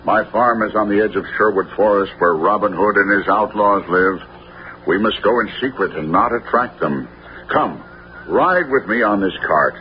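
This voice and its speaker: An actor playing a bold, cunning outlaw in a radio adventure, with a teasing, mock-courteous manner. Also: male voice, on the low side, normal speed, lightly acted. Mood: sly, ingratiating. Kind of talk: theatrical radio adventure acting. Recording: dull, lo-fi radio recording with faint noise.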